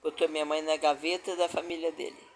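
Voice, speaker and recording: A woman's voice: low-pitched, little pitch movement, fast, a little mellow, a little hiss or hum. An older woman with a Brazilian accent telling her own family story as a personal testimony, stressing her points by repeating phrases. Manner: emphatic, repeats phrases for weight.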